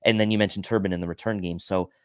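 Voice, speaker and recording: A man's voice: deep voice, steady tone, very fast, clean tone, dry recording, studio quality. A man co-hosting a football pregame show, breaking down the matchup with stats in an analytical way. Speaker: podcast co-host. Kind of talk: sports pregame talk show.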